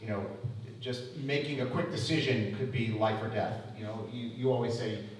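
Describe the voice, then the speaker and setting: A middle-aged man retelling family history at a public talk, halting and repeating words as he goes. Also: lowish voice, fairly even intonation. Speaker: lecture speaker. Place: museum lecture room. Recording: echoey hall from far off.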